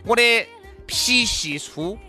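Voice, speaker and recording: A man's voice: high voice, slow, faint music behind. A man with a Sichuanese accent co-hosting a talk show in casual, comic banter, animatedly acting out his points. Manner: animated, acts out imagined worries and quotes.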